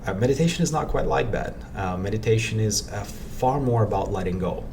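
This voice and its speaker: On a relaxed podcast, a Ukrainian meditation practitioner talks briskly in a low voice, musing aloud and repeating words while he searches for the right ones. He sounds distant, with plainly audible noise in the background.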